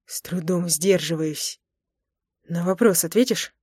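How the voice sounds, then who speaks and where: A teasing, tender young man in an audiobook, put on by a woman reader. He speaks in a low, unhurried murmur, close and intimate. The recording is dry and close, with no room sound. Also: a little mellow, husky, no room sound. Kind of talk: audiobook character voice.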